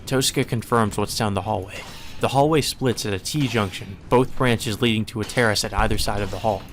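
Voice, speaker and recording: Reading through a visual novel as narration for a let's play, a man adds casual comments of his own and swears in informal asides. He speaks at a normal speed in a lowish voice, with background music behind him and a slight hiss or hum.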